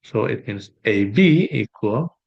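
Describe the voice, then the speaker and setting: Slow, hesitant male math tutor. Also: mid-range voice, lively intonation, gravelly, a little mellow, dull audio. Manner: slow, hesitant, thinking aloud while sketching. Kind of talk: exam solution walkthrough.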